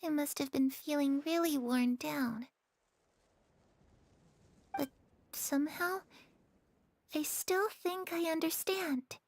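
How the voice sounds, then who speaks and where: A woman voicing a gentle young girl in a video game, wistful and curious, speaking earnestly. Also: sits high, takes it slowly, pauses often, dry recording. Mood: wistful, sincere. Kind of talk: video game character dialogue.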